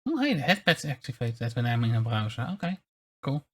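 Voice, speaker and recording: A streamer of unclear sex chatting casually in a hesitant, rambling way and reading bits aloud, with a mid-pitched voice. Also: big pitch swings, a little fast, slightly rough. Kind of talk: casual livestream chat, reading articles aloud. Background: background music.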